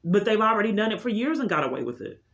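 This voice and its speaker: With big swings in pitch and a quick pace, this vlogger's mid-range, fairly bright voice pushes through a long personal complaint in an aggrieved, insistent manner. The unscripted monologue has a roomy sound, and the audio is muffled, noisy and full of clicks.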